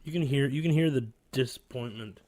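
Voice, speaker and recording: A man's voice: medium pitch, brisk, a little mellow, slight background noise. Profane, exasperated male games host. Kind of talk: casual games showcase commentary.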